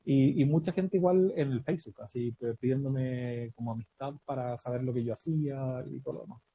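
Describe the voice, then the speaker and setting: A man from Chile with a Chilean accent, telling a lively story about a quiz show win, often laughing and acting out the dialogue. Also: medium pitch, fairly quick, breathy edge, dry recording, rough recording. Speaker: guest storyteller. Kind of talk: casual anecdote telling.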